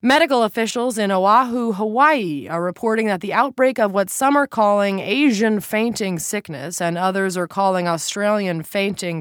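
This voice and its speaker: Male TV anchor, crisp and measured, read by a woman narrator. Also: medium pitch, no room sound, clean studio sound, voice pushed up, lightly acted. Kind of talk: news broadcast reading.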